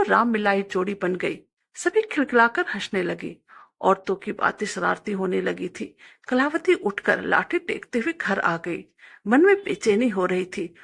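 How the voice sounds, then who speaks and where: Woman storyteller, steady narration, gravelly, husky, mid-pitched. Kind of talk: reading a Hindi family story.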